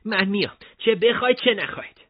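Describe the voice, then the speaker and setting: A stubborn young fighter who won't take no for an answer, as a man reading the tale puts him on. His voice jumps high and loud above the narration. The recording is dull and lo-fi. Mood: insistent. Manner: insistent, raised voice. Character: young male fighter in a besieged city, stubborn.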